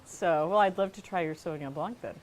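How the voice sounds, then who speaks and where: A woman's voice: lowish voice, a little fast, a little hiss or hum. A woman hosting a casual conversation in a courtyard, chatty and agreeable, laughing often. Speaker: host. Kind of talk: casual chat. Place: outdoor courtyard.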